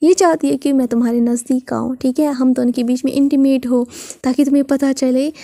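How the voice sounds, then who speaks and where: A woman voicing a cold, dangerous young mafia man who answers in flat, calm, teasing replies. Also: sits high, brisk, no room sound.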